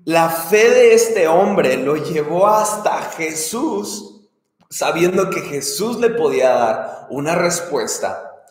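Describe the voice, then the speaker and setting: A man preaching a sermon in an earnest way, repeating key phrases for emphasis. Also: on the high side. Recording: echoey hall with long reverb.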